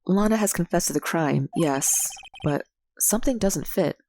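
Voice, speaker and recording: A woman's voice: fairly low pitch, moderate pace, darkish tone, slight background noise. A woman hosting a game playthrough, reading the dialogue aloud with casual asides. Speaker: let's play host.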